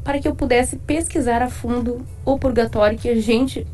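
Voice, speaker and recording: A woman's voice: a little high, steady tone, moderate pace, darkish tone, faint music behind. A woman from Porto Alegre with a southern Brazilian accent, a guest author explaining her faith in a radio studio interview, often adding tag questions. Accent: Brazilian Portuguese, Porto Alegre.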